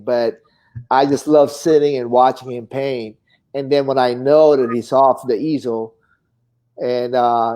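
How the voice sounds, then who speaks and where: This middle-aged Filipino man, a fine artist and painter, speaks with a Filipino accent in a medium-pitched, dark-toned voice. As an interview guest, he reminisces in an easygoing, rambling, storytelling way during a casual conversation.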